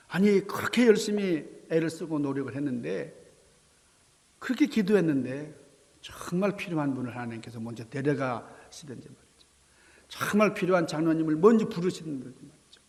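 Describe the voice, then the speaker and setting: A middle-aged male pastor delivers a sermon in a slightly high voice. He swings from loud, dramatic cries down to hushed near-whispers. The sanctuary adds a long, ringing reverb. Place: church sanctuary.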